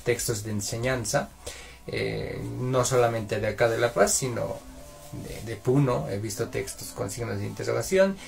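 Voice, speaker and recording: Man, gravelly voice, explanatory teaching tone, frequent check-ins. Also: mid-range voice, moderate pace. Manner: explanatory, often asks "¿no es cierto?". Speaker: Aymara language teacher. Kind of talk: explanatory lesson.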